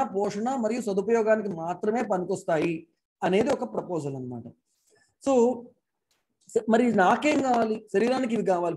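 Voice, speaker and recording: The recording is low quality: a man with a high, dark-toned voice lectures to an online class remotely. He uses an external mic plugged into a laptop, mixes English phrases into his talk, and throws out rhetorical questions.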